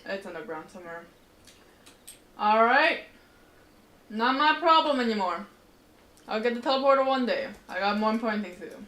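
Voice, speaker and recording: Her voice a little high and animated, a woman streaming a game talks to herself at normal speed, pausing often and now and then exclaiming loudly. It's casual commentary on her livestreamed gameplay. The room is echoey, with game music behind her.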